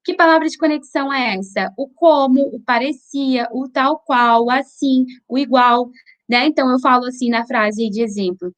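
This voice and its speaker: High-voiced Brazilian teacher explaining patiently. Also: female voice. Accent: Brazilian Portuguese. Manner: explanatory, repeats tag questions, slows to sound out syllables. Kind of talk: online review lesson.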